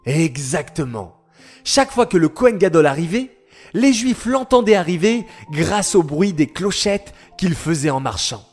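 A man voicing a patient, knowing boy who explains things slowly in a children's story. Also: a little high, sing-song, darkish tone, soft background music, exaggerated voice. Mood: patient, warm.

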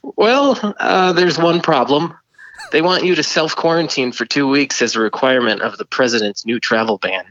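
A man's voice: mid-range voice, normal speed, a bit bright, dry recording, highs cut off. A man playing a flustered, stammering mission control operator, heard over a radio link in a comedy skit.

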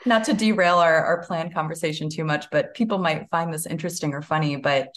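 A low-pitched woman co-hosting a podcast in casual chat. She rambles happily with fillers and frequent laughs. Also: lively intonation, moderate pace. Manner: chatty, laughs often, uses fillers. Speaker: therapist and podcast co-host.

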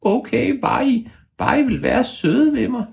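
A man plays a touchy little winged sprite girl in a storytelling. Her voice is high, squeaky and sulky, and it soars well above his natural register. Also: big pitch swings, gravelly, darkish tone, full character voice. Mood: wary. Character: prickly, touchy tiny girl sprite with wings.

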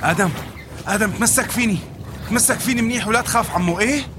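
A man's voice: sits high, quick pace, background noise, lightly acted. A man playing a kind Syrian man who reassures others on a sinking boat, with a Syrian Arabic accent in an audio drama. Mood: reassuring.

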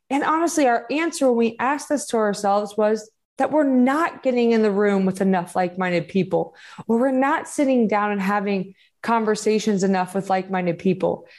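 A woman who hosts a motivational podcast and works as a growth coach talks solo in a voice on the high side with a darkish tone. She's encouraging, earnest, emphatic and conversational.

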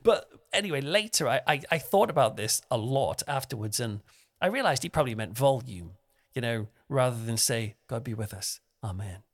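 A man's voice: medium pitch, very animated, moderate pace. A young man giving a conversational, self-deprecating devotional talk as a preacher. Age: young adult.

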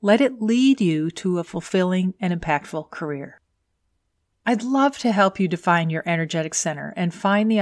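Woman giving tidy podcast career advice, lower-pitched. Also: dry recording, studio quality. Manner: tidy, orderly, instructional delivery. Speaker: podcast host and career coach. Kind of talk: scripted solo advice podcast narration.

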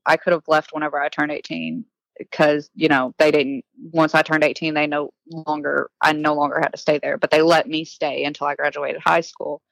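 A woman's voice: low-pitched, flat delivery, normal speed, vocal fry, a bit bright, no echo, rough recording. A woman recounting her past plainly and earnestly as a guest in a casual interview. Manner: earnest, matter-of-fact recounting. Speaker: podcast guest.

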